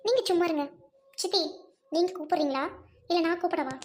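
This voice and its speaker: Woman doing a fierce young wife tearing into her uncle, very high voice, accusing. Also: brisk. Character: defiant young married woman confronting her scheming uncle. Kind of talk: amateur drama skit.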